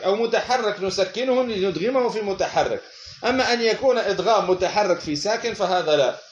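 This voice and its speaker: A man's voice: sits high, highs cut off, slight background noise. Man teaching grammar, echoey room. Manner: asks questions then answers them himself, repeats words slowly. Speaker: teacher of Arabic morphology. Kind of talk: lecture on a grammar text.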